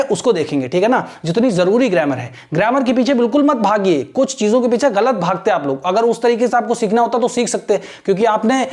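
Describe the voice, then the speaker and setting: A male teacher giving an online exam-prep English lesson. He speaks in a direct coaching tone, checks in after nearly every phrase, and reads English lines slowly, word by word, for his students to imitate. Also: high voice, darkish tone.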